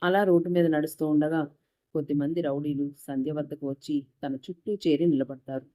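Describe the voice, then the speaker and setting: A woman narrating a moral story in a steady, even reading voice. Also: low-pitched, brisk.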